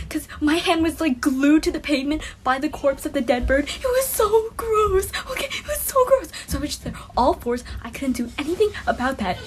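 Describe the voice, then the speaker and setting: A woman telling a comic story in an animated, dramatic way, with emphatic repeats and frequent checks of "okay?". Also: sits high, a little hiss or hum.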